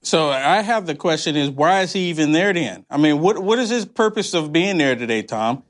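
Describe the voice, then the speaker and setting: A male talk radio host with a distinctly high-pitched voice. He speaks in an opinionated, conspiracy-minded way, sounding incredulous as he stacks up rhetorical questions. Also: lively intonation, moderate pace.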